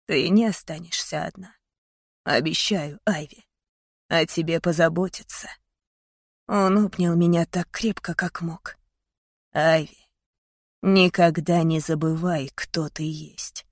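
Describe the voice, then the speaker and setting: A woman reading the part of a gentle dying father in a soft, hushed, tender voice. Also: fairly low pitch, steady tone, slow pace, dry recording, studio quality. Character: gentle dying father, middle-aged man. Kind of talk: audiobook character voice.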